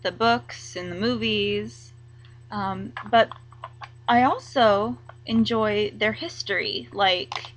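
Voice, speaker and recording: A young woman chatting casually to camera as a vlogger, rambling and halting, full of likes and ums. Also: mid-range voice, a little hiss or hum, rough recording.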